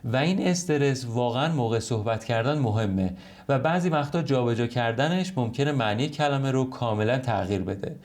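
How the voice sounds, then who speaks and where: A man teaching an online English lesson in Persian. He explains clearly and reads the English example sentences slowly and carefully. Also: medium pitch, lively intonation, a little mellow. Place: home recording.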